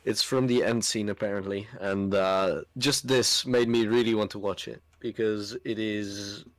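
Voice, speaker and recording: Slow talking guy, kinda hesitant, lots of uhs, dry close sound. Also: fairly low pitch, fairly even intonation, no echo. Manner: hesitant, many fillers. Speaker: friend on call. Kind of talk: casual chat.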